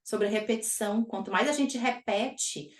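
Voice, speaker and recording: Energetic woman host in an echoey room. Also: on the high side, normal speed. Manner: energetic, emphatic delivery. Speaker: podcast host. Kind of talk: casual podcast conversation.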